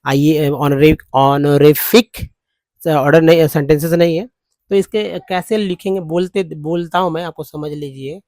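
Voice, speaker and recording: A man's voice: on the high side, steady tone, a little mellow, no echo. A man with an Indian English accent teaching a language lesson, switching between Hindi and English and saying each phrase over and over. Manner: slow, repeats English phrases several times over.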